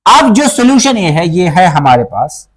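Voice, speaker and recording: A man teaching a class, his voice fairly high and swinging widely in pitch. He keeps asking questions and answering them himself, hammering key words again and again. When he reaches a definition, he slows down and spells it out word by word. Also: sing-song, husky, rough recording. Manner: repeats terms and asks himself questions, then answers. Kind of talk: board lesson explaining biology.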